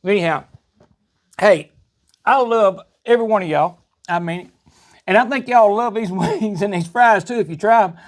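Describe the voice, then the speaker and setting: A man's voice: sits high, moderate pace, pauses often. A man with a Southern US accent casually demonstrating home cooking in a folksy, rambling, chatty way. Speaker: home cooking vlog host.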